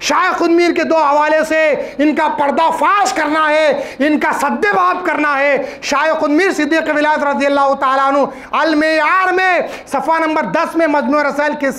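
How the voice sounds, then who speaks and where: High, bright-voiced man preaching emphatically. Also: fairly even intonation, normal speed, hardly any pauses. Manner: emphatic, repeats phrases, asks rhetorical questions. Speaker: religious speaker. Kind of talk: religious lecture.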